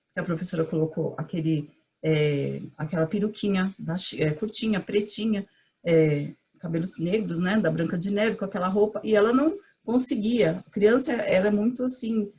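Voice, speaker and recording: A woman educator giving casual advice to parents, chatty and full of fillers, sometimes acting out gentle lines a mother says to her child. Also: medium pitch, breathy edge. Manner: chatty, uses many fillers like "entendeu" and "tipo assim".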